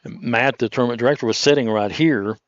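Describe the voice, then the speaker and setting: A man giving relaxed, conversational golf commentary in a chatty, rambling, anecdotal way. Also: mid-range voice, brisk, no room sound, dull audio.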